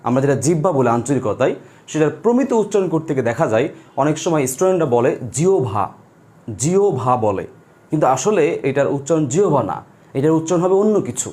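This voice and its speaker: Lively Bangladeshi man teaching pronunciation. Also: fairly high pitch, quick pace. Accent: Bangladeshi Bengali. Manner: asks students questions and repeats rules. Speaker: Bengali language teacher. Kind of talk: pronunciation lesson.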